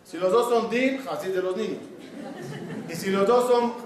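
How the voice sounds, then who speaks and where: A man giving a sermon as a rabbi, telling stories and acting out quotes with lively humor. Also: sits high, moderate pace, background noise. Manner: animated storytelling with acted quotes and jokes. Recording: echoey hall, mic far off.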